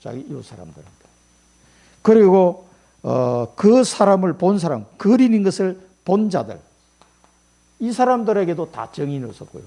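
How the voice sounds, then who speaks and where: A man's voice: high-pitched, big pitch swings, normal speed, vocal fry, pauses often, dark tone. A middle-aged male pastor preaching a sermon in a colloquial storytelling way, acting out quotes as he goes.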